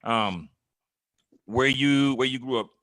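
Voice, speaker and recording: A man in his thirties hosting an interview, talking in an affirming, brotherly, halting way. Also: medium pitch, a bit bright, dry recording, clean studio sound. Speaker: host. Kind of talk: casual interview talk.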